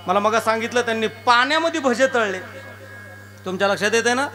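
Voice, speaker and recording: This kirtan preacher from Beed district, rural Maharashtra, has a very high, bright, forceful voice and talks fairly quickly. He jokes his way through a devotional sermon, pelting the audience with rhetorical questions, while live tabla and harmonium music sounds clearly in the background.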